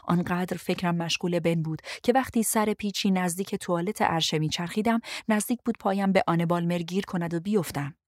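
A woman narrating a first-person novel in a measured, even storytelling manner. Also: lowish voice, no echo, studio quality. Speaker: audiobook narrator.

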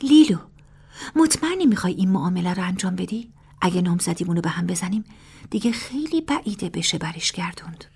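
A woman's voice: on the low side, animated, darkish tone, breathy edge, exaggerated voice. A woman voicing a proud young female general who speaks in a cool, teasing, half-whispered way.

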